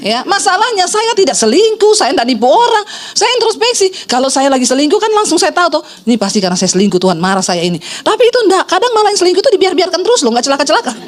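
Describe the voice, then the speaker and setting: A middle-aged woman pastor preaching a sermon, telling a story with lively shifts into the voices of the people she quotes. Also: extremely high pitch, racing.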